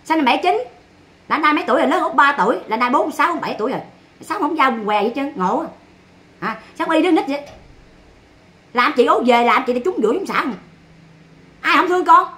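Southern Vietnamese woman streamer, high bright voice, blunt and mocking. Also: expressive, fairly quick, long pauses. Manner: scolding, sarcastic, blunt. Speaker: livestreamer. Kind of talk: ranting livestream commentary.

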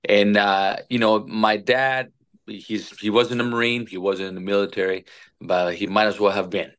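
The guest is a forties-aged Venezuelan man, a retired Marine officer, speaking earnestly and politely with lots of fillers in a casual interview. His smooth, lowish voice has a fairly bright tone, fairly even intonation and a moderate pace. He speaks on a video call indoors, using a phone held at arm's length.

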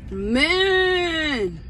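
Slow-talking woman chewing with a full mouth. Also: high-pitched, a bit bright, slight background noise. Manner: laid-back and enthusiastic, slangy. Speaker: food review vlogger. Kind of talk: casual food review chat. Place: inside a parked car with air conditioning on.

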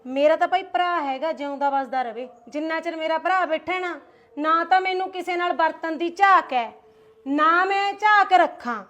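ਇੱਕ ਔਰਤ ਨਾਰਾਜ਼ ਨਨਾਣ ਦਾ ਕਿਰਦਾਰ ਨਿਭਾ ਰਹੀ ਹੈ, ਪੰਜਾਬੀ ਲਹਿਜੇ ਵਿੱਚ ਤਨਜ਼ ਭਰੇ ਸਵਾਲਾਂ ਨਾਲ।. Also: female voice, very high voice, normal speed, sharp tone, dull audio. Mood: complaining. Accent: Punjabi. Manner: sarcastic, aggrieved, tag-questions. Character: resentful sister-in-law, grown woman, touchy. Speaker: husband's sister. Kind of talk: homemade family skit.

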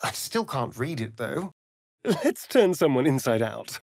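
A man voices a mocking vampire elf rogue for a fantasy game, in a full character performance with an English accent and swooping, theatrical intonation. His mid-range voice is sing-song, creaky and darkish, languid, vain and teasing as he takes each phrase at a measured pace, with a dry, wry mood. The sound is dry and close, with no room on it.

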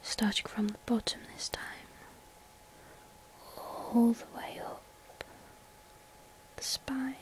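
A woman playing a gentle, soothing spa massage therapist in a soft-spoken whispered role-play, slow and reassuring. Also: fairly high pitch, steady tone, low-quality recording.

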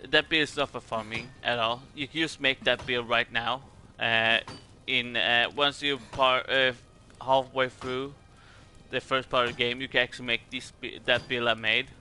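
A man's voice: medium pitch, little pitch movement, moderate pace, pushed and bright, a little hiss or hum. A man from Sweden with a Swedish accent gives casual game commentary in a hesitant, rambling way, repeating words as he goes. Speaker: gaming video creator.

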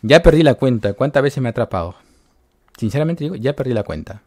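A man giving excited gameplay commentary to his viewers, yelping and shrieking when he gets caught. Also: medium pitch, fast. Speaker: gaming YouTuber.

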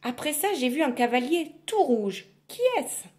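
A woman voicing a timid young peasant girl in a storybook reading, soft and pleading. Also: high voice, animated, normal speed, pitched above the performer's own voice.

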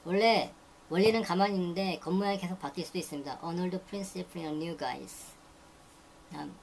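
Brisk vocabulary teacher, woman with a deep speaking voice, repeats each word, faint noise underneath. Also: vocal fry. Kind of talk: reading dictionary entries aloud.

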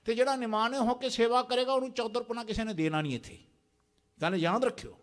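A man's voice: very high-pitched, quick pace. A man preaching a sermon in a large temple prayer hall, exhorting the congregation and having them repeat lines after him. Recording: long hall reverb.

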